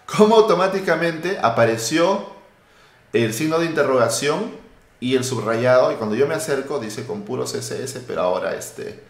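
A man teaching a live coding lesson, talking lively and thinking aloud while he types. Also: mid-range voice, moderate pace. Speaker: web development instructor. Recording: roomy echo.

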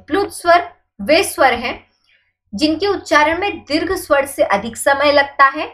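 A woman with a high, light voice teaches grammar to exam students. She poses questions and answers them right away. She keeps repeating the key points so they stick. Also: fairly bright tone. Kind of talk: exam-prep grammar lecture.

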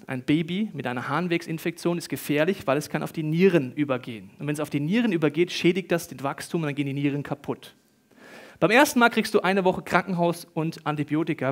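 A male pastor delivers a sermon in an animated storytelling style. His somewhat high voice jumps from loud, excited bursts to hushed, quiet lines as he acts out the people he quotes.

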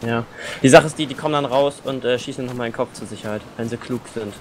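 A man chatting quickly and excitedly while playing a survival game with friends, cursing when things go wrong. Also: mid-range voice, a crowd in the background. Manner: fast, excitable, swears under pressure. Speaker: gamer. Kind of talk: casual gameplay chat.

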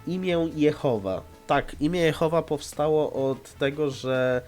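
A man's voice: fairly high pitch, measured pace, a little mellow, soft background music. Nasal man doing sarcastic commentary. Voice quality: nasal, slightly stuffed-up. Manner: sarcastic, blunt, swearing. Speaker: host of a reaction video. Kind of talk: casual mocking commentary.

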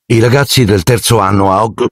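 A man voicing a cool-headed, defiant teenage boy wizard in an audiobook, raising his pitch for the role. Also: fairly even intonation, a little fast, no room sound, studio quality, lightly acted.

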